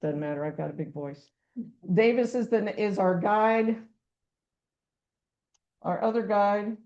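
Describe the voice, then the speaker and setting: A middle-aged woman rambles through a casual slide presentation for a birding club in a meeting room with a small audience, pausing on ums and restarting often. Her mid-range voice is a little slow and a little mellow, with highs cut off because her handheld or clip mic has a dying battery.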